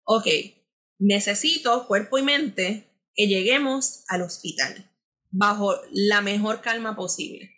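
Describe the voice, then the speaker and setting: A woman's voice: medium pitch, slow, bright, forceful tone. A woman who is a podcast guest giving earnest advice, addressing the listener directly and acting out bits of inner dialogue.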